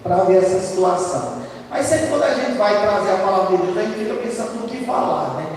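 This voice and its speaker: Preaching loudly and chattily, a high-voiced lay preacher with a raspy throat keeps checking in with the room through frequent tag questions. His intonation is lively and his pace fairly quick. He sounds far from the microphone in a reverberant church hall, with a little hiss or hum.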